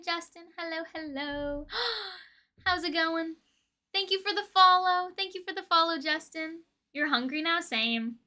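A young woman with a very high, bright voice talks casually to her livestream viewers, playful and expressive, with plenty of slang in an informal, chatty flow. She sits in an indoor room with a desk and shelves of collectibles.

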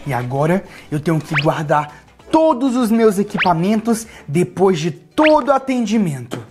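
A young Brazilian-accented man speaks in a high, sing-song voice at a moderate pace, hosting a children's video in the role of a toy doctor. He presents a playful story in simple phrases directed at children, from a small furnished indoor playroom studio with background music.

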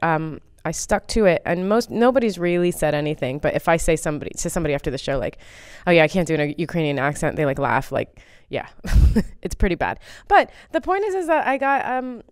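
A woman's voice: mid-range voice, clear, resonant tone, no echo, studio quality. An American woman comedian chatting casually as an interview guest, rambling and self-deprecating with plenty of fillers. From United States.

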